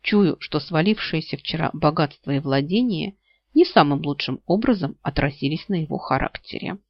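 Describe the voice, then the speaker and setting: Audiobook narrator: a wry, expressive woman, animated intonation, dry close recording. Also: sits low, normal speed, dry recording. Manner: wry, expressive first-person storytelling. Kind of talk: narrating a humorous fantasy novel. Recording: slightly dull lo-fi audio.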